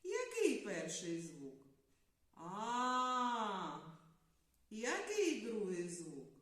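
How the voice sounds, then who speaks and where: A woman teaching small children, speaking slowly and in a lively sing-song voice that swings up and down. Her voice sits fairly high and she stretches out each word. The sound is very echoey, as if from a bare room. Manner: sing-song, drawn-out words with long pauses. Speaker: preschool teacher. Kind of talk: slow, clear lesson for small children.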